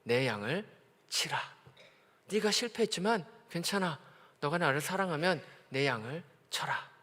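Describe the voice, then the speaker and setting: A man voicing a calm, forgiving Jesus as a grown man who speaks softly and tenderly, with the long reverb of a church hall. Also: fairly high pitch, moderate pace. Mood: gentle.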